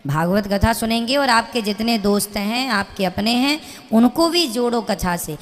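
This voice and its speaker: Woman preacher, kinda high voice, firing rhetorical questions, long hall echo. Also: animated, moderate pace. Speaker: spiritual preacher. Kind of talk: preaching to an audience member.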